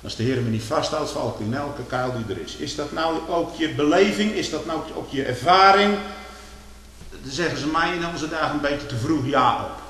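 A man's voice: a little high, moderate pace. Man preaching in an echoey hall. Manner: dramatic swings from hushed to loud declaiming, pleading questions. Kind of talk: sermon. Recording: echoey hall with faint hiss.

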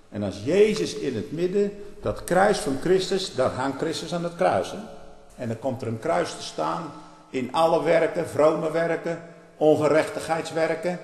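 A man preaching a sermon in a fiery way, dropping to quiet asides and then rising to loud outbursts. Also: mid-range voice, vocal fry. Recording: echoey hall with long reverb.

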